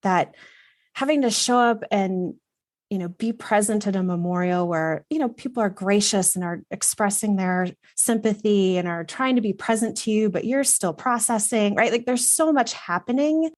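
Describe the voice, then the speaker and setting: A middle-aged woman from Texas, USA, speaks at medium pitch and normal speed in a clean studio recording with no room sound. She is a guest, a wardrobe consultant, telling personal stories in casual conversation. Her manner is earnest and reflective, with some fillers.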